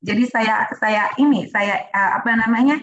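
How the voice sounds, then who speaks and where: A woman teaching a church group, urging listeners earnestly, dropping in English phrases and pausing with frequent fillers. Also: a little high, a bit bright, lo-fi sound. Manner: earnest, exhorting, many "uh" pauses. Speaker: Bible teacher. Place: online worship meeting.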